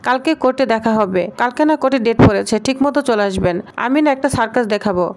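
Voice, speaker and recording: A woman voicing a bossy sharp-tongued executive. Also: fairly high pitch, fast talker, natural voice. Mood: commanding. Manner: scolding, commanding.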